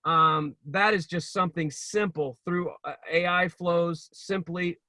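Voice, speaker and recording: Guy host giving an earnest pep talk, voice a bit high, close dry sound. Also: steady tone, measured pace, pushed and bright, no room sound. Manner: earnest, exhorting, repeats words for emphasis. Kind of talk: motivational talk to business peers.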